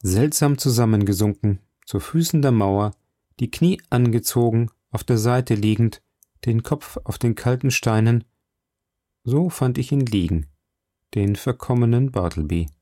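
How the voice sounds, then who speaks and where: A man narrating a literary story in the first person, in a measured, somber reading. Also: mid-range voice, warm tone, no room sound, clean studio sound. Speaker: audiobook narrator.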